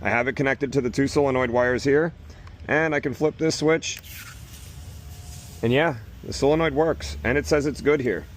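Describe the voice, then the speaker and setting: A man's voice: mid-range voice, normal speed, slight background noise. A man working as an irrigation technician outdoors, casually explaining each repair step in a plain, practical way as he works. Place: outdoors at a job site.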